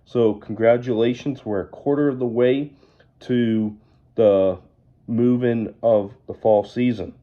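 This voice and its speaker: A man leading an evening Bible study, reading scripture aloud and then explaining it in a measured way. He says he is losing his voice. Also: medium pitch, muffled recording.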